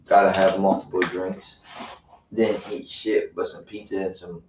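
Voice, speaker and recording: Easygoing young man with a low voice. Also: level tone, unhurried. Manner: easygoing, slangy. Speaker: podcast co-host. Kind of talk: casual chat. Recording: roomy, distant, dull lo-fi mic with faint hiss.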